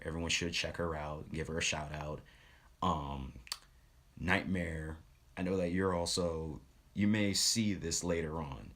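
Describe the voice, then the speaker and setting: A live streamer with an extremely low-pitched voice talks casually while giving shout-outs. His manner is halting, rambling, and earnest.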